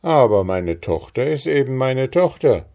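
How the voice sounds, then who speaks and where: A man reading aloud, voicing a blustering, stout, rich old farmer with a loud and gruff manner. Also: medium pitch, very animated, unhurried, pitched above the performer's own voice.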